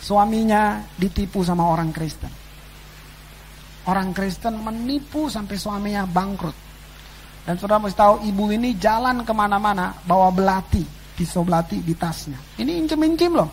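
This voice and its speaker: A man delivering a sermon to a congregation, his voice leaping high and loud on key phrases, then dropping to hushed asides. He keeps calling out to his listeners directly. A faint hum and background noise sit under the recording. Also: moderate pace, low-quality recording. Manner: animated, swinging between loud exclamations and quiet asides; addresses the congregation as "saudara". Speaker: pastor.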